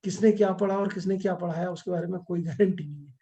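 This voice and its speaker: A man's voice: high voice, steady tone, quick pace, warm tone, muffled recording. A middle-aged man teaching an astrology class over a video call, explaining step by step and mixing English terms into his talk. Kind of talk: online class lecture.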